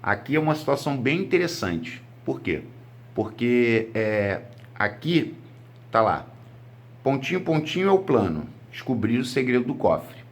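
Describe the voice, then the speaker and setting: A man's voice: mid-range voice, very animated, unhurried. A Brazilian man teaching a grammar lesson for exam prep, explaining step by step and answering his own rhetorical questions. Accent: Brazilian Portuguese.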